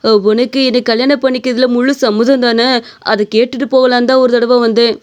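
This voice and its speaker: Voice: mid-range voice, little pitch movement, fairly quick, clear, resonant tone, close to an everyday voice. A voice actor playing a pushy thirty-five-year-old male shop owner in a cartoon story, coaxing and insistent. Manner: wheedling, persistent.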